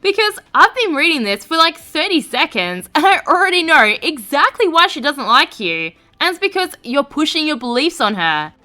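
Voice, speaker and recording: A high, bright woman's voice swinging widely up and down as she reads online stories aloud. She gives each post's comments a sarcastic, expressive edge, with faint music playing underneath. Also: normal speed, hardly any pauses. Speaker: narrator. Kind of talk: reading reddit stories aloud.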